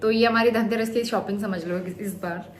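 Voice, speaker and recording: A young woman talks casually to her viewers in a homely vlog, recorded indoors at home. Her voice sits at an ordinary middle pitch, relaxed and talkative. A faint background noise runs underneath. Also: normal speed. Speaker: home vlogger. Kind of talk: casual chatty vlog narration.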